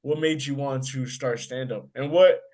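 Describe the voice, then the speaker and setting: A young American man hosting a casual chat, telling animated stories and swearing freely. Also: medium pitch, moderate pace. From United States. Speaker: podcast host.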